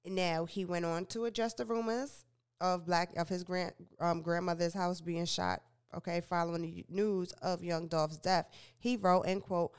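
Smooth-voiced chatty woman radio host. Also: fairly low pitch, fairly even intonation, unhurried. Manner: chatty, opinionated, frequent self-corrections and stumbles. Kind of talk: casual entertainment news commentary.

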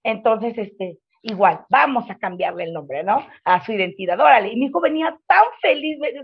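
A woman's voice: a little high, expressive, normal speed, slightly rough. A middle-aged woman telling her story as a mother, earnest and emotional, looping back with many fillers. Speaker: mother sharing her testimony. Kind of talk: heartfelt personal storytelling. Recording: dull lo-fi sound.

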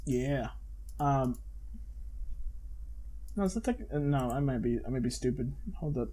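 A young man co-hosting a podcast in casual, excitable chat, swearing freely. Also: medium pitch, a little slow. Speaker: podcast co-host.

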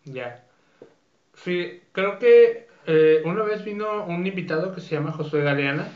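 A man's voice: high voice, animated, measured pace. Hesitant man hosting a podcast. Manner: hesitant, agreeable, many fillers. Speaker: podcast host. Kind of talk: podcast interview. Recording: echoey, dull lo-fi room.

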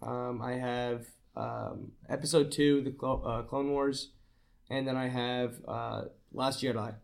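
A man's voice: mid-range voice, steady tone, slow pace, vocal fry. A young man co-hosting a podcast, blunt and given to swearing in casual chat. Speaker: podcast co-host.

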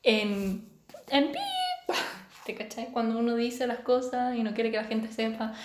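A woman's voice: on the high side, level tone, a little fast, background noise. A young woman with a Chilean accent, co-hosting a podcast in chatty, slangy banter. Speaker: podcast co-host. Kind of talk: casual chat. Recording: roomy echo.

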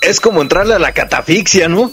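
A man's voice: high voice, animated, brisk, sharp tone, faint music behind. A Mexican man chatting casually in slang as a call-in co-host on a radio show.

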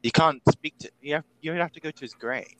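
A man's voice: fairly high pitch, fast, sharp tone, dry recording, low-quality recording. A man co-hosting a casual podcast chat, teasing his friend in a playful way. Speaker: podcast co-host.

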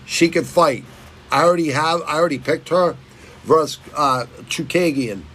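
This fight picks host, a middle-aged man from Massachusetts, speaks at normal speed in a fairly high, somewhat bright voice with a breathy edge. The audio is poor, and he rambles and swears through casual betting talk, fumbling fighters' names.

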